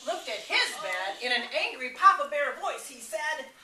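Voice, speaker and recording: A woman reading a story aloud to young listeners, telling it in an expressive, animated way. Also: high-pitched, a little slow, a little hiss or hum. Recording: echoey room, from a distance.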